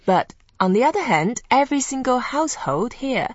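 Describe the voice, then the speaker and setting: A young woman from Taiwan hosting a Chinese language lesson, who pronounces words slowly and carefully for drills. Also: on the high side, very animated, no room sound, lo-fi sound. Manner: slow, careful pronunciation drills. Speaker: Chinese language teacher and host. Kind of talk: scripted language lesson podcast.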